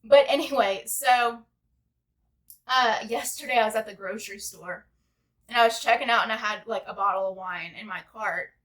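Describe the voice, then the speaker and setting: Bright-voiced chatty young woman. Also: fairly high pitch, normal speed. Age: 20s. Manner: rambling, chatty, heavy use of "like". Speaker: beauty vlogger. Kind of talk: casual makeup tutorial chat.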